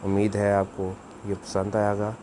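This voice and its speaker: A man's voice: fairly low pitch, completely flat delivery, a little slow, mellow, slight background noise. A man, giving a video language lesson, explaining patiently and repeating words for practice. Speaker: language teacher.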